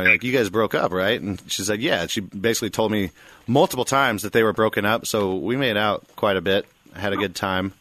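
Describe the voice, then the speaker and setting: A man in his thirties hosting a podcast, chatting loosely and slangily and getting animated when he retells a story. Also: on the low side, dry recording. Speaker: podcast host. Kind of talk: casual chat.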